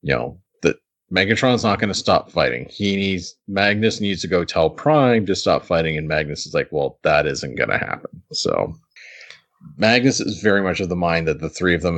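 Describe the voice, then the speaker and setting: Deep-voiced man recapping casually. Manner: chatty, laughs often, restarts sentences. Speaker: podcast co-host recapping an episode. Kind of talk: casual chat.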